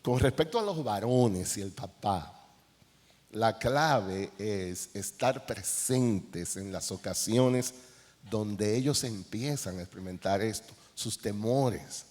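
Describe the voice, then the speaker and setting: A man's voice: fairly low pitch, slow. A middle-aged man with a Dominican accent, a counselor speaking on a conference panel, telling anecdotes. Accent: Dominican Spanish. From Dominican Republic. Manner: storytelling, animated anecdotes with quoted dialogue. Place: large conference hall. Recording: reverberant hall.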